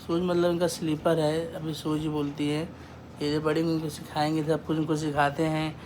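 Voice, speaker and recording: A man filming a casual family vlog at home on his phone, consoling his family and talking gently to his small child. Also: on the high side, monotone, normal speed, slight background noise. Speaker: vlogger, father. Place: home, indoors. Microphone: handheld phone.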